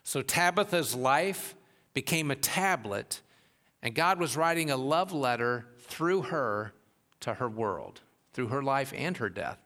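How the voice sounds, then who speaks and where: A man preaching a sermon as pastor, pressing rhetorical questions with growing force and dropping to a hushed tone to tell stories. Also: expressive, a little slow. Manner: rises to emphatic questions, drops low and soft for told stories.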